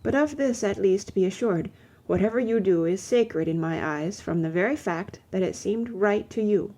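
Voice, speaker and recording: A woman reading a classic novel aloud in the first person, measured and expressive. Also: mid-range voice. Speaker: audiobook reader. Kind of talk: first-person literary audiobook narration.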